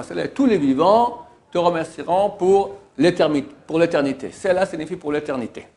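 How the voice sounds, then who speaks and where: A man's voice: fairly high pitch, a little mellow. A male rabbi teaching a prayer, reading Hebrew phrases one by one and translating each into plain speech, stressing key words. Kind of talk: religious lesson, line-by-line translation.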